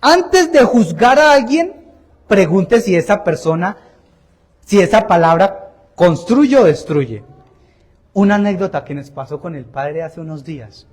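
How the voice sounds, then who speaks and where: High-voiced priest preaching. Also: male voice, sing-song, a little slow. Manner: emphatic, repeats phrases, asks the congregation direct questions, jokes about himself. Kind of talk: Sunday sermon. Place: church.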